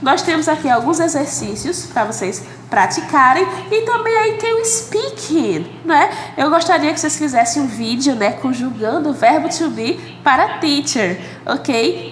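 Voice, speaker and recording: A woman with a Brazilian Portuguese accent, an English teacher giving a recorded online lesson, who explains patiently and keeps checking with "ok?". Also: high-pitched. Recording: echoey room with faint background noise.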